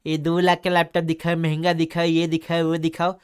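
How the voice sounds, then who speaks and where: A man's voice: fairly high pitch, completely flat delivery, moderate pace, smooth, natural voice. Man voicing a blunt teasing shopkeeper. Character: cheeky male laptop shopkeeper, blunt.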